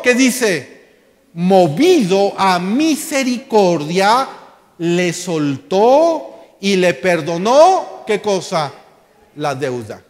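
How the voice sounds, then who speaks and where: A man preaching a sermon, slow and emphatic, asking the congregation rhetorical questions. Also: high voice. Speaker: pastor. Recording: long church hall reverb.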